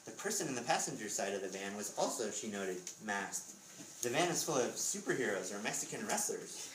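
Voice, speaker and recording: In an echoey room, a man with a lowish voice reads his book aloud at a school readers theatre, very animated and brisk. He's the author, mixing expressive storybook reading with offhand asides, captured by a distant mic amid background noise.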